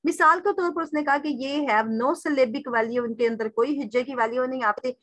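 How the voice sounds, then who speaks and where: Woman lecturer, high voice, dry close sound. Poses her own questions and answers them, drills example words slowly. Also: a bit bright, no echo. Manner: addresses listeners as "sir" in a formal way. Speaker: teacher. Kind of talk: recorded lecture reading through a text.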